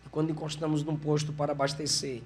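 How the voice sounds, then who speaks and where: A man preaching a live sermon with a Brazilian Portuguese accent, telling stories with animated delivery. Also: fairly high pitch, fast. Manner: animated storytelling, acting out voices. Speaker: pastor.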